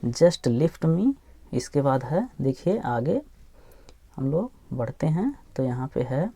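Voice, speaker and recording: A man teaching English phonics, sounding out each letter slowly and repeating every word. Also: mid-range voice, very animated, mellow, husky, no room sound. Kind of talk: slow phonics lesson, spelling words aloud.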